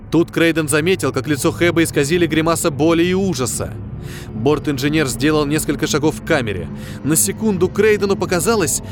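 A man reading dramatic science fiction narration as an audiobook narrator. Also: a little high. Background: faint music.

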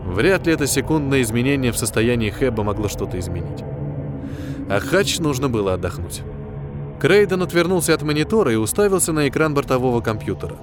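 Male audiobook narrator, dramatic scripted sci-fi read, mid pitch, light music bed. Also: animated, a little fast. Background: faint music.

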